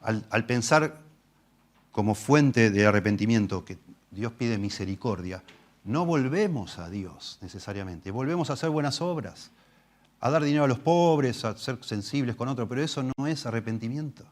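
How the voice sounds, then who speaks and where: A man pastor with a Rioplatense Spanish accent, giving an expository sermon in a church. He speaks emphatically, swinging between loud stresses and quiet asides, and reads scripture slowly and deliberately. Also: medium pitch, lively intonation.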